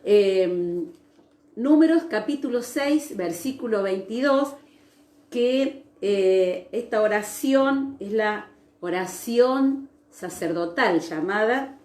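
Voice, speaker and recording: At an online church service, a woman preaches slowly and reflectively, hesitating often. Her medium-pitched voice is animated and slightly mellow, with a reverberant sound.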